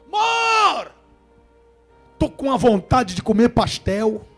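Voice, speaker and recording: A man's voice: very high voice, huge pitch swings, takes it slowly, creaky, fairly bright tone, soft background music, voice pushed up, heavily acted. A man putting on a demanding pregnant wife. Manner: insistent, whiny craving demands. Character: demanding pregnant wife, young adult woman.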